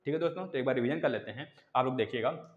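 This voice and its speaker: A man's voice: mid-range voice, very fast, dull audio. Man teaching in an echoey room. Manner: repeats sounds aloud for students to copy, asks and answers his own questions. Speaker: Hindi grammar teacher. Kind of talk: online exam-prep lesson. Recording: echoey room with long reverb.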